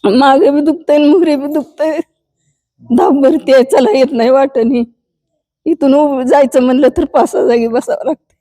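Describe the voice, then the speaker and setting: A woman's voice: sits high, steady tone, normal speed, dark tone, dry recording, studio quality. Tearful elderly woman. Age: older. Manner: tearful, pleading rural speech. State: crying. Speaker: old age home resident. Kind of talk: emotional interview testimony. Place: old age home.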